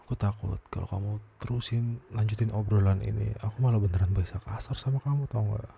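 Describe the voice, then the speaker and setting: A young man plays a weary, wounded boyfriend in a whispered role-play. The voice sits low, with a dark, gravelly texture, and often sinks into a soft whisper. A faint ambient hiss runs underneath. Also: fairly even intonation, fast talker. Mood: tender, hurt. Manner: tired, exasperated, soft and low. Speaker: ASMR voice performer.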